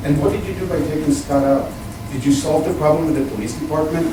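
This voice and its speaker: A man's voice: fairly high pitch, fast talker. A man from Texas giving an indignant public comment at a town meeting, emphatic and full of pointed questions. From grew up in Texas. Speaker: resident speaking at a town meeting. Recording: echoey hall from far off, faint noise.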